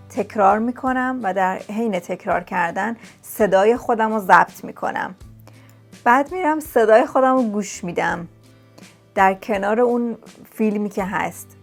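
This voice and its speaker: A woman speaks straight to her viewers in a relaxed, chatty vlog, sharing tips and circling back on key words for emphasis. Her voice sits at a middle pitch with a noticeable gravelly fry. Quiet music plays underneath. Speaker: vlogger sharing language-learning tips. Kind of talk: casual talk to camera. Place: lives in England.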